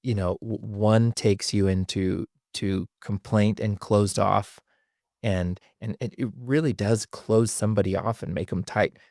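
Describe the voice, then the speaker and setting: A man's voice: fairly low pitch, fairly even intonation, a little slow, vocal fry, a little mellow, no room sound, clean studio sound. A man hosting a podcast, explaining ideas in a thoughtful, conversational way with frequent restarts. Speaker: podcast host.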